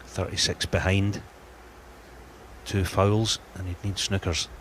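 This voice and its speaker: A man with a deep, low voice co-commentates on snooker. His delivery is conversational and analytical, over faint background noise. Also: level tone, takes it slowly.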